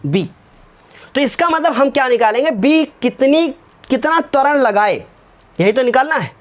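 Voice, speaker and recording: Solving numericals on the whiteboard step by step, this male physics teacher speaks at a moderate pace in an extremely high, expressive voice. He keeps checking that his students are following and addresses them with fond, fatherly names.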